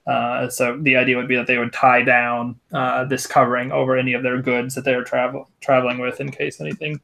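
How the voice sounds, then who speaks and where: Gravelly-voiced young game master who talks in rambling, halting asides. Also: male voice, medium pitch, flat delivery, pushed and bright. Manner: rambling, hesitant, many fillers. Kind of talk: casual tabletop game narration.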